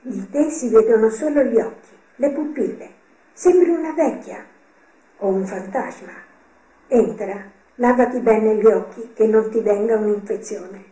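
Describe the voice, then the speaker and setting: A woman voicing a calm older mother who fusses in a plain, matter-of-fact way. The voice is mellow and a little high, and it sits in a roomy, echoing space. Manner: matter-of-fact, gently scolding. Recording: roomy echo.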